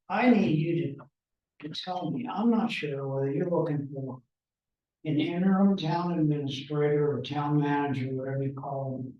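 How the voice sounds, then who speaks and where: In a meeting room, a middle-aged man running for town administrator gives loose, halting explanations, restarting often in this informal exchange. His voice leans high, and the distant room microphone yields an echoey, dull, far-away sound.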